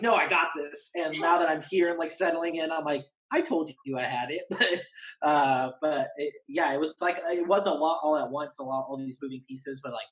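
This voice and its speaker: On a low-quality recording, a horror journalist from Northern California, United States, talks with a fairly high, fairly bright voice. He's an interview guest in a casual chat, and his speech is rambling and full of slang.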